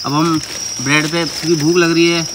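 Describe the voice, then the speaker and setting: Young male vlogger, a bit high-pitched, chatty, loud crickets around. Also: level tone, a little fast. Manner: chatty, asks viewers to comment. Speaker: camping vlogger. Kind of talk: casual outdoor vlog chat. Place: forest campsite at night, outdoors. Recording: loud night noise, crickets and insects.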